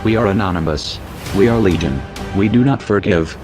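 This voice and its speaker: A man narrating a scripted protest message in a grave, measured way, his voice disguised by a deep voice changer. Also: over music.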